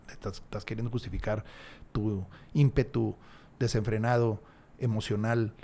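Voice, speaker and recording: A man in his 60s with a lowish, creaky voice and darkish tone speaks as a podcast guest in a casual interview chat. He talks reflectively and emphatically with frequent restarts, using a large desk mic and headphones in a small studio, with a little hiss or hum audible.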